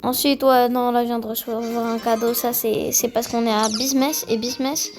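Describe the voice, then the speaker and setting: A woman talks through a game in a loose, chatty way. Her voice sits a little high and has a gravelly, creaky edge. Faint music plays behind her. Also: flat delivery, normal speed, low-quality recording. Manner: chatty and rambling, full of fillers, drops in English words. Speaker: gaming video creator. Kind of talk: casual gameplay commentary.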